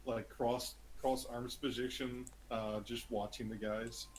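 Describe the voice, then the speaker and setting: A man's voice: medium pitch, flat delivery, takes it slowly, a little hiss or hum, rough recording. A man playing a tabletop game with friends, eager and explaining things with restarts. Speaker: player. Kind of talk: tabletop game play, casual chat.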